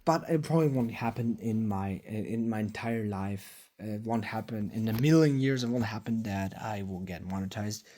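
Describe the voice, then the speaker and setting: A man's voice: lowish voice, normal speed, few pauses, mellow. A man of twenty giving a casual, rambling vlog update, swearing freely and filling gaps with fillers and restarts. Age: 20s. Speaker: YouTuber. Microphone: phone.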